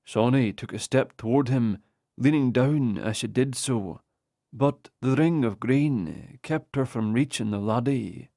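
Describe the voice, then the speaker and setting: A man narrating an audiobook in the first person with slow, measured storytelling. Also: medium pitch, vocal fry, dark tone, dry recording, clean studio sound.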